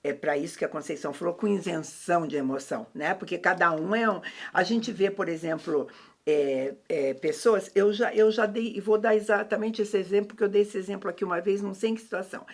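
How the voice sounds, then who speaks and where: Husky, gravelly-voiced woman musing. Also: lowish voice, brisk. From Brazil. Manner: reflective, lots of hesitant fillers. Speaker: host.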